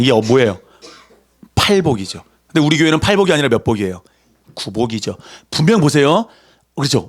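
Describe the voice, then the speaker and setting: A man preaching a sermon in a lively, conversational way, acting out voices as he goes. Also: medium pitch. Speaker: pastor.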